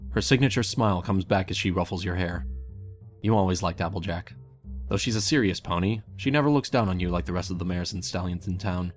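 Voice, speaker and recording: In a low, brisk voice, a man reads aloud a scripted fan fiction story. Faint music plays beneath his narration.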